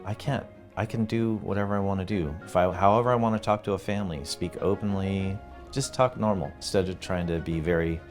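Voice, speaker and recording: Low-voiced man telling animated stories. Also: fairly quick, soft background music. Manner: animated anecdotes, laughing often, restarts mid-sentence. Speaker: funeral home co-owner, guest. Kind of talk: casual interview storytelling.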